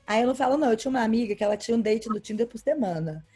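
A woman's voice: on the high side, animated, very fast, dark tone, breathy edge, soft background music. Frank woman chatting about dating. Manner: frank, emphatic. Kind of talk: casual group chat.

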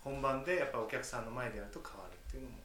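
A man's voice: mid-range voice, racing, a bit bright. A man, an actor guest, chats informally and thinks aloud with lots of fillers, in a middle register. His voice carries the echo of the room. A faint hiss runs underneath. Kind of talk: casual chat. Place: room in Paris.

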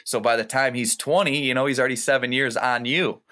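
A man's voice: mid-range voice, steady tone, fairly quick, bright, forceful tone. A man in his twenties from Ohio, a guest telling stories casually and rambling, full of "like" and "you know". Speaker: guest, professional wrestler. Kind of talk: casual storytelling.

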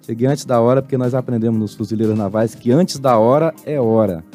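A man's voice: medium pitch, fairly quick, soft background music. Older man telling a spirited testimony. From Brazil. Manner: animated testimony, preacherly emphasis. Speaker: pastor and retired marine, guest. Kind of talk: casual interview storytelling.

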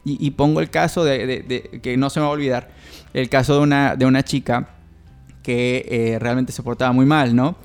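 A man's voice: medium pitch, steady tone, normal speed, darkish tone, soft background music. A man with a Mexican accent, a therapist guest in a casual podcast chat, telling stories and acting out quoted voices. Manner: storytelling, acts out quoted voices, frequent restarts.

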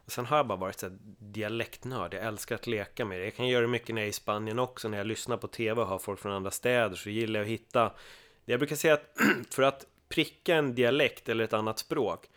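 A man from Sweden, a podcast guest in casual chat, telling lively stories and acting out the voices of people in them. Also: on the low side. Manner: lively storyteller who acts out voices.

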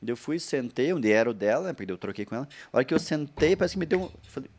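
A Brazilian man rattles off a personal story at a brisk clip, his voice sitting at an ordinary middle pitch. He talks in a loose, chatty way, repeating words for emphasis and acting out quoted lines. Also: slight background noise. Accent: Brazilian Portuguese. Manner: animated anecdote with repeated phrases and quoted asides. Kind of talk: casual storytelling.

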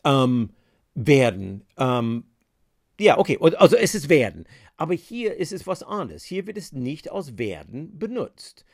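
A man's voice: fairly high pitch, very animated, unhurried, darkish tone, no room sound, clean studio sound. A man hosting a podcast language lesson, explaining words patiently with many hesitant fillers. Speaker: podcast host teaching English. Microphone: podcast microphone.

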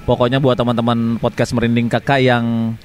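Conversational man podcaster, mid-pitched. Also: level tone, moderate pace, a little hiss or hum. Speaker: podcast co-host. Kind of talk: casual chat, hosting.

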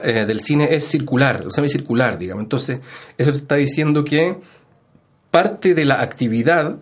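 Chilean male historian guest, radio interview, unhurried explainer, lots of "eh" and "¿no?", mid-pitched voice. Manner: explanatory, many fillers and hedging tags. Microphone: studio microphone.

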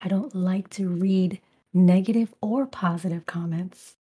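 Woman, whispering, dark mellow tone, very breathy, casual interview talk. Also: lowish voice, fairly even intonation, a little slow. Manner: mostly whispering, with fillers like "like" and "you know". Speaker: ASMR video creator, interview guest.

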